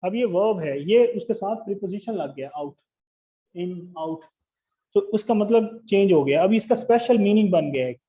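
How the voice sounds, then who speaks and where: A man's voice: high-pitched, expressive, normal speed, warm tone. A man teaching English grammar in a classroom lecture, explaining step by step and asking the class questions. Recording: dull lo-fi classroom recording.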